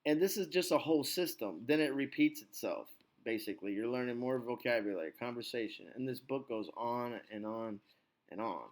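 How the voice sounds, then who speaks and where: A man hosting his podcast as an English teacher, talking in a relaxed, reassuring, rambling way. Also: medium pitch, a little fast. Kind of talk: casual chat.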